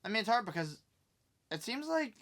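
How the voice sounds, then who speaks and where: A man co-hosting a sports talk show. He speaks quickly and keeps his takes short and plain. His delivery stays low-key throughout the casual chat. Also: very animated, a bit bright. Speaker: co-host of a sports podcast.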